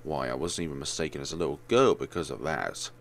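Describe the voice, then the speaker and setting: Man playing a deep-voiced, fussy, vain gentleman. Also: quick pace. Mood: wry, self-pitying. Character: fussy, vain, sardonic rich man in visual novel.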